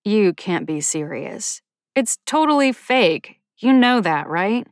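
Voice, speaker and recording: A grumpy young woman in her twenties, dismissive and scowling, set at a middle pitch, as a woman reader puts her on. The sound is dry and close to the mic. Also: sing-song, slow pace, no echo. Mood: skeptical. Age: 20s. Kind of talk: audiobook character voice.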